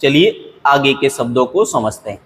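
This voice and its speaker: A man's voice: medium pitch, animated, moderate pace, a bit bright, long reverb tail. A male teacher giving an exam-prep grammar lesson, drilling word pairs in a repetitive way and checking that students follow.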